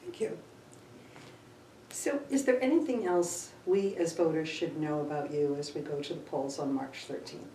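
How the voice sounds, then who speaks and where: A woman's voice: deep voice, dark tone. A woman interviewing local candidates for town office in a gracious, complimentary way. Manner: gracious, complimentary, slow-paced. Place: town library room. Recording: echoey room, far from mic, faint hum.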